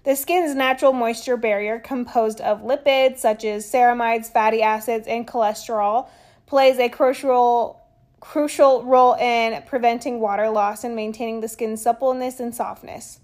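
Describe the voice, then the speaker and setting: A woman reading a skincare explainer in a steady way, with small stumbles and casual asides. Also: fairly high pitch, moderate pace. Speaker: skincare educator.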